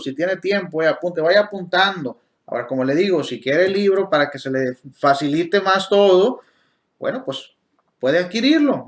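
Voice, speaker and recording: A man giving a recorded Bible study lesson. He explains the meanings of Greek words, asks his listeners direct questions, and corrects himself as he goes. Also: on the high side. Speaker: Bible teacher.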